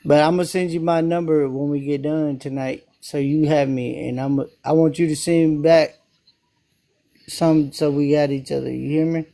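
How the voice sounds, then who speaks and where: A man's voice: fairly high pitch, fairly even intonation, normal speed, vocal fry, dark tone. A man from South Memphis with a Southern accent, chatting casually on a call, laid-back, laughing often and cursing freely. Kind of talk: casual chat.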